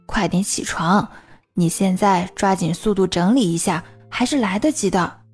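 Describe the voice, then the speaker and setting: A woman's voice: mid-range voice, normal speed, darkish tone, slightly rough, faint music behind, close to an everyday voice. A woman voicing a young classmate who coaxes a friend out of bed. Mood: coaxing. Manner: coaxing, firm. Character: caring, bossy young classmate.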